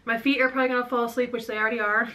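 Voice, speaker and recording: A young woman in her twenties talks to a camera on a stand in her home bedroom, short of breath the whole time. Her voice is bright and a little high, and her chat rambles from one thought to the next. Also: level tone, rapid-fire. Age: 20s. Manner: rambling, scattered, chatty. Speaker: vlogger.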